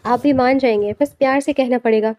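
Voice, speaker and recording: A woman's voice: high-pitched, steady tone, a little mellow, dry recording, lightly acted. A woman voicing a teasing, affectionate young wife in an audiobook novel. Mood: playful.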